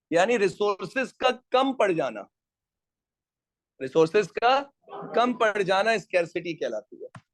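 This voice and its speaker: A man's voice: high voice, no room sound. Joking man teaching a class. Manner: joking, conversational, drills pronunciation. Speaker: economics teacher. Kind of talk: casual classroom lecture.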